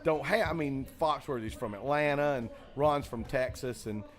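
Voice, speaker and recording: A man's voice: medium pitch, moderate pace. A man who runs a comedy club, chatting casually in a green room, telling long stories full of fillers and restarts. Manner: rambling, lots of fillers and restarts. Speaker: comedy club owner, co-host. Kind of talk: casual storytelling chat.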